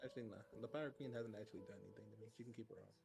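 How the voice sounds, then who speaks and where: A man's voice: lowish voice, racing, creaky. A man playing in a tabletop game, joking and playfully petty. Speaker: player. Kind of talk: casual tabletop game chat. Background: background music.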